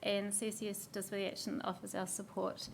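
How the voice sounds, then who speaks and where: Nz woman, hoarse and gravelly, reading her submission out flat and steady. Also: mid-range voice, a little hiss or hum. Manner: steady, measured reading with small slips and fillers. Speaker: submitter at a council hearing.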